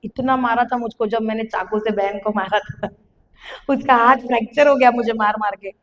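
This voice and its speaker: A young woman giving a sermon testimony to a congregation, telling her story with animated storytelling that rises to emphatic calls. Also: on the high side, moderate pace.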